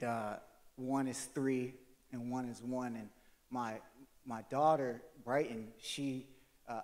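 A male pastor preaching a conversational sermon, swinging from loud to hushed. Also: mid-range voice.

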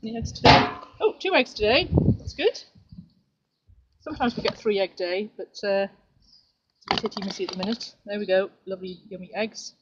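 A middle-aged woman chats her way around her back garden while filming on a handheld camera. Her talk is relaxed and cheerful, a casual home tour. The audio is dull and lo-fi, with steady background noise over the outdoor sound. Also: mid-range voice, moderate pace. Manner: chatty, relaxed, cheerful narration while walking. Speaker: home video maker. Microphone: handheld camera mic.

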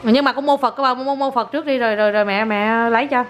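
A woman's voice: a little high, fairly even intonation, fast, background noise. A woman, casually and playfully coaxing her small child as a mother, often repeating herself. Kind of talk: casual chat with her toddler.

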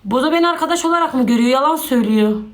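A woman's voice: sits high, animated, racing, roomy sound. A woman on a live stream, ranting to her viewers in an exasperated way, repeating herself and sighing between lines. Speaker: social media personality on a live stream.

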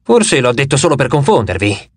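Man voicing a tired old-soul cowherd, low slow drawl, dry audiobook sound. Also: very animated, dry recording. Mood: weary. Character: weary immortal cowherd, resigned and drawling.

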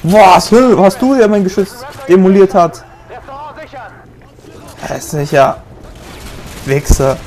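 A young man casually commenting on his gameplay, chatting, joking and yelling at the game now and then. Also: sits high, expressive, slow, long pauses. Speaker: let's play gamer.

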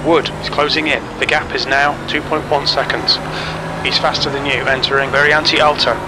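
A man's voice: on the high side, level tone, moderate pace, lightly acted. An actor voicing a terse male race engineer, giving short, clipped pit radio calls in a racing game. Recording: loud engine noise underneath. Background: roaring race cars.

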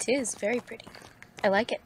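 A woman's voice: a little high, steady tone, fast talker. A woman chatting casually while gaming with a partner, playful and silly in manner. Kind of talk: casual gameplay chat. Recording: faint noise and clicks.

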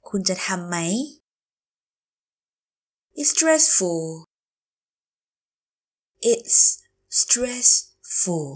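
Slow, careful woman teaching English phrases. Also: medium pitch, very animated. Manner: slow, careful, exaggerated pronunciation. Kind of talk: slow language drill, repeating phrases word by word.

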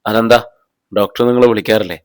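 A man's voice: on the low side, fairly even intonation, fast talker, no echo, natural voice. A man reading the lines of a blunt police officer laying out evidence. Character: blunt male police officer, assistant investigator.

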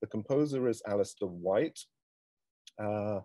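Low, mellow middle-aged man hosting. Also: dry recording. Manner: unhurried, thoughtful, with frequent ums and restarts. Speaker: host. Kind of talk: hosting a live-streamed cultural event.

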